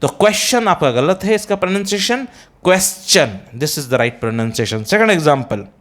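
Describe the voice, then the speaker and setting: A man teaching English pronunciation, mixing Hindi and English and slowly repeating words and spellings in an Indian English accent. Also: on the high side, very animated, a bit bright. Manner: slow, drawn-out repetition of words and spellings. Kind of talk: pronunciation lesson.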